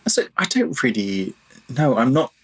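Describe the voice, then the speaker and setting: A medium-pitched man with a sing-song, slightly slow delivery chats casually as a guest on a technical interview, frequently pausing to rephrase. He is a freelance audio software developer, and there is slight background noise.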